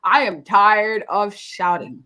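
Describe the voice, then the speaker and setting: A woman's voice: medium pitch, slow pace, bright, forceful tone. A woman physician hosting a live-streamed interview, upbeat and effusive, often repeating words of praise. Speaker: host, family physician.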